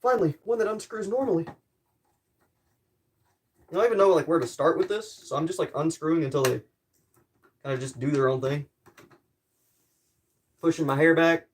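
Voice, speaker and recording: A man's voice: on the high side, moderate pace, pauses often. Jokey man narrating his tinkering. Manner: rambling, jokey self-deprecating running commentary; talks to viewers while working with tools. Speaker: livestreamer. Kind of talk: casual livestream chat while tinkering.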